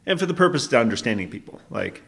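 Gravelly young man, rambling chat. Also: mid-range voice, very animated, fast, a crowd in the background. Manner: rambling, hesitant, many restarts. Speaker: podcast co-host. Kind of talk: casual chat.

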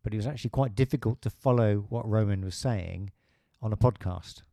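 A man's voice: lowish voice, brisk, gravelly, mellow, no echo, clean studio sound. A middle-aged British man talking in a casual podcast conversation, hesitant with many restarts and fillers. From Britain.

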